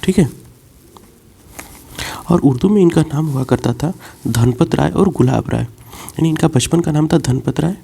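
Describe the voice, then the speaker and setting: A man's voice: a little high, creaky, warm tone, slight background noise. A man teaching a class as a lecture, explaining step by step and repeating key points. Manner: explains slowly, repeats key points, mixes in English words.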